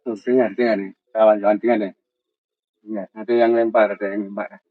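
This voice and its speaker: A man, filming himself camping alone outdoors at night, narrating in a tense hush and muttering prayers. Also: lowish voice, flat delivery, fairly quick, dry recording, narrow, tinny audio. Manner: tense, repeats short urgent calls to listen; muttering prayers under breath. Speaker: solo camping vlogger. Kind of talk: hushed on-the-spot night vlog narration.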